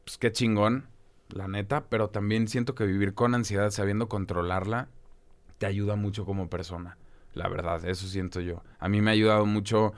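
Low, smooth-voiced Mexican young man. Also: steady tone, normal speed. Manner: candid, slangy, rambling storytelling. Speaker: guest. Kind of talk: casual conversational interview.

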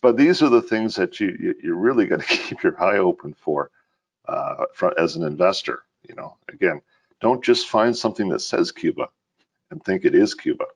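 A man with a very deep voice co-hosting a casual finance podcast. He talks animatedly, breaking into laughter and stumbling through restarts as he explains. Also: lively intonation, moderate pace, slightly rough. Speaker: podcast co-host.

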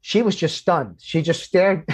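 A man who works as a firefighter, telling a long personal story in conversation, halting and restarting as he goes and growing emotional. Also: fairly high pitch, breathy edge. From Florida. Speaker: firefighter guest.

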